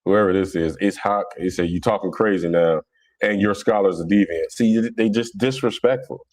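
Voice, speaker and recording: A Philadelphia man hosts a casual live religious debate stream, answering viewers bluntly, colloquially and mockingly. His voice sits low and a little mellow at normal speed, with no echo.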